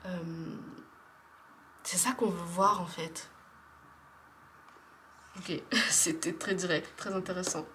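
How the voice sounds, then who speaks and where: Soft-spoken French woman reading tarot cards. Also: fairly low pitch, steady tone, takes it slowly, long pauses, a little hiss or hum. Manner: chatty, hesitant, many fillers, often drops to a soft whisper. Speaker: tarot card reader. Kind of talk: casual spiritual card reading.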